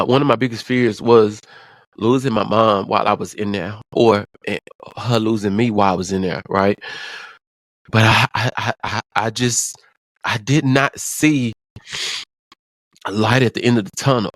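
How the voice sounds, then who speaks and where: A man's voice: on the low side, no room sound. A man speaking as a vlogger, telling a personal story with emotion, near tears at times. He talks frankly and with profanity, stumbling and repeating words as he goes.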